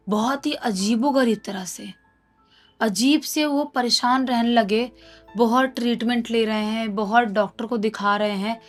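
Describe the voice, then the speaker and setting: A woman tells a horror story in a dramatic yet conversational way. Her voice sits fairly high, and faint music plays underneath. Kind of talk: casual spoken storytelling.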